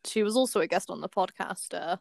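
A woman's voice: fairly low pitch, fairly quick, vocal fry. A young woman co-hosting a casual fan podcast, talking in an enthusiastic, rambling way full of fillers and restarts. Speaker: podcast co-host.

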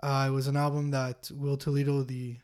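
A man co-hosting a casual music podcast, talking in a relaxed, informal way. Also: mid-range voice, a little fast, clear, resonant tone. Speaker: podcast co-host. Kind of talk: casual chat about albums.

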